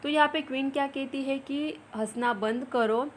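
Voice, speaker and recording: A woman's voice: high-pitched, normal speed, slight background noise. A woman teacher with an Indian English accent explaining a story step by step and asking the class questions. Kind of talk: explaining an English lesson in Hindi.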